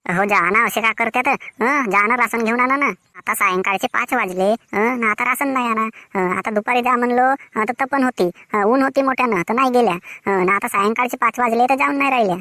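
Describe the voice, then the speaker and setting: A woman's voice: on the high side, a little fast, pushed and bright, dry recording, clean studio sound. A woman as a nagging Varhadi village wife. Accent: Vidarbha Marathi (Varhadi). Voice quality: scolding, complaining. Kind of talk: cartoon voice acting.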